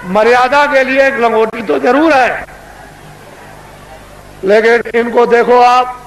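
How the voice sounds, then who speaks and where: An older man delivers a booming rally speech in a very high-pitched voice. His pace is slow and declamatory, with repeated phrases and pointed questions. The old public-address recording echoes and carries steady background noise. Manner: declamatory, rhetorical questions, repeats phrases and demands answers from the crowd. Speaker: religious leader addressing a mass gathering. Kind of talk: booming public oratory, political rally-like sermon. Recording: echoing, noisy public-address recording from 1980s.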